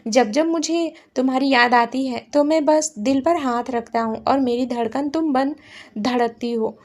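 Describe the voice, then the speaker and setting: A woman's voice: high voice, a little slow, darkish tone. A woman voicing a tender, loving young man.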